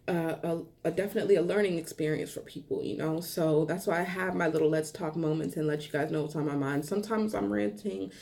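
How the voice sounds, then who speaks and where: A young woman with a slightly low voice gives an earnest, heartfelt vlog monologue. She rambles, restarts her sentences and fills pauses with ums. She sounds a little short of breath. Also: dark tone. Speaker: vlogger. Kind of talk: casual heartfelt monologue to camera.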